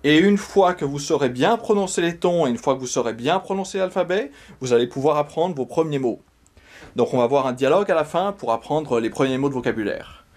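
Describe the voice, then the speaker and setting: A man's voice: on the high side, animated, fairly quick, a little mellow. A man giving a pronunciation lesson, carefully demonstrating letters and sounds one by one. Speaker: language teacher.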